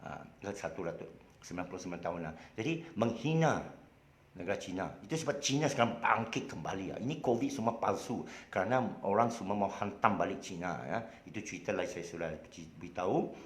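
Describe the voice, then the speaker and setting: A man with a Malaysian accent talks through history in a loose, colloquial lecture, filling pauses with "ah". His voice sits a little low. The sound is roomy and echoey. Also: expressive. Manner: rambling, heavy on "ah" fillers, colloquial. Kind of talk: casual history talk. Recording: roomy echo.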